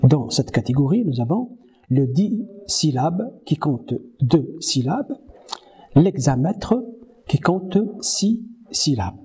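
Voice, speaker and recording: A man giving a university lecture on French verse, slowly reading poems aloud and counting their syllables. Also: a little high, sing-song, warm tone, husky. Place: Morocco.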